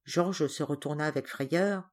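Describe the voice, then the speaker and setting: A woman reading a children's novel aloud as audiobook narrator, slow and expressive. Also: deep voice. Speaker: audiobook reader. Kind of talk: storybook narration.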